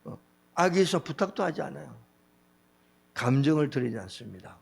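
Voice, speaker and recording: Animated high-voiced Korean pastor preaching. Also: male voice, moderate pace, gravelly, slightly rough. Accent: Gyeongsang Korean. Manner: animated, acts out quoted speech with big pitch swings. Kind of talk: sermon.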